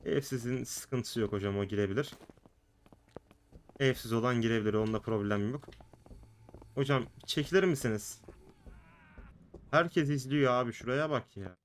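A man's voice: medium pitch, moderate pace, pauses often, slight background noise. A man hosting a gaming video, giving chatty, jokey let's play commentary and talking to the game's characters and his viewers.

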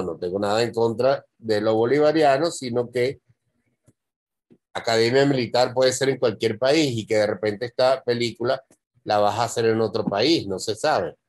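A man's voice: medium pitch, no room sound. A man teaching screenwriting, thinking aloud as he reviews and corrects a student's script.

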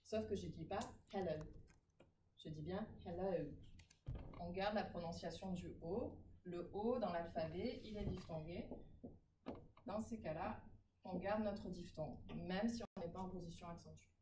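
A woman's voice: on the low side, moderate pace. Woman lecturing in an echoey classroom. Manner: explanatory, checks in with "d'accord?". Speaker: phonetics teacher. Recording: echoey room, far from mic, background noise.

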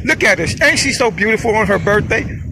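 High-voiced man filming outdoors. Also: animated, fairly quick, noisy background. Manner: repetitive, fervent, praising God. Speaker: boyfriend filming a birthday surprise. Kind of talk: casual filmed narration. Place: outdoors at sunset.

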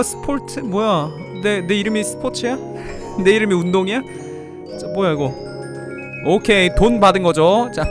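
A man with a somewhat high voice giving horror game let's play commentary. He is excitable and talks to himself and the game, yelping and pleading when things get tense, with faint game music under his voice. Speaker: game streamer.

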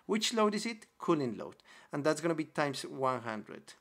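A man's voice: a little high, sing-song, moderate pace, fairly bright tone. A man teaching equipment sizing over a whiteboard screen recording, explaining step by step, repeating key terms, checking in with "okay?" and correcting himself as he goes. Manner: self-correcting restarts. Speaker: HVAC instructor. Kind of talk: screen-recorded technical lesson.

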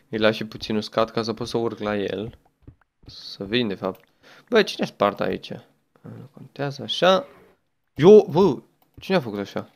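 A young man chatting his way through a game as a gaming YouTuber, exclaiming often and talking to the game and a friend. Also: medium pitch. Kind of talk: let's play commentary.

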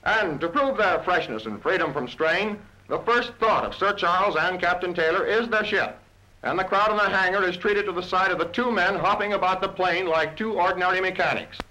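An old newsreel narrator, a man with a high, bright, forceful voice delivering scripted lines in a brisk, excited announcer style. The sound is a scratchy 1930s newsreel soundtrack with a thin, lo-fi edge. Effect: old newsreel voice-over.

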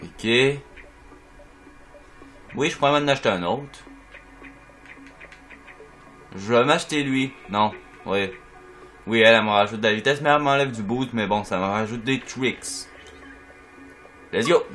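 A man with a Quebec French accent, chatting at home through casual gameplay commentary in an excitable, joking way. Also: mid-range voice, moderate pace, pauses often. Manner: excitable, chatty, makes silly sound effects. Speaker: gamer. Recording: faint music behind.

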